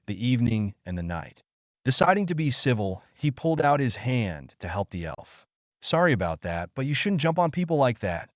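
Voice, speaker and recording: A man reading fan-fiction narration aloud in a steady storytelling manner. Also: mid-range voice, no echo, clean studio sound.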